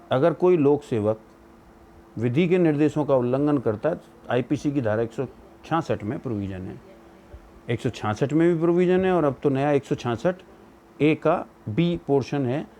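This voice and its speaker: A man with a fairly high-pitched, dark-toned voice delivers explanatory legal commentary as an educator voicing his opinion. Rhetorical questions drive his reasoning, and he slips English legal terms into it.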